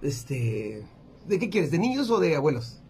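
A man tells jokes in a slangy, joking way. His voice sits a bit high and swings widely in pitch. There is faint noise behind him. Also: sing-song, measured pace, darkish tone. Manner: slangy, laughs at own jokes. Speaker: comedian telling jokes. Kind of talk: casual joke telling on a show.

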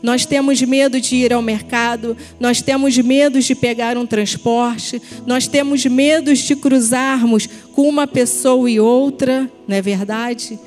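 A woman in her thirties preaches from a church pulpit, speaking slowly and earnestly into a handheld microphone. Her voice sits fairly high, and soft music plays faintly behind her. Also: steady tone. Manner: earnest, slow and deliberate, addressing viewers as brothers. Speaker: ministry team member preaching. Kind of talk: church sermon with prayer. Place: church stage at a pulpit, indoors. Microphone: handheld mic.

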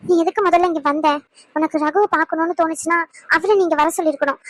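A timid young daughter-in-law from a cartoon. She speaks in soft, hesitant, apologetic phrases. Her voice is high and dry. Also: steady tone, fast talker, no room sound, poor audio. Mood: worried. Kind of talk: cartoon voice acting.

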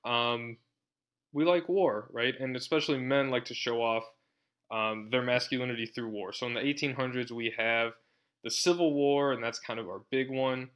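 In a clear, resonant, fairly bright voice of medium pitch, a man lectures at a university at normal speed with fairly even intonation. He keeps it conversational and sarcastic, frequently tagging his points with "right?"

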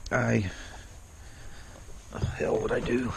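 Outdoors on a rural property, a man vlogs a casual gear unboxing and ride, holding an action camera in his hand. He rambles, thinks aloud and pokes fun at himself, speaking very slowly at medium pitch with a steady tone and vocal fry. Background noise is audible.

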